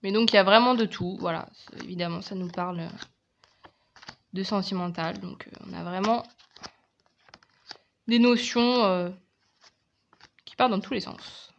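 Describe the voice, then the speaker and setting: A woman's voice: medium pitch, unhurried, gravelly, pauses often, highs cut off, slight background noise. A woman with a French accent presenting her oracle card decks in a casual, chatty video, often hesitating and restarting her sentences. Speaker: tarot and oracle card reviewer.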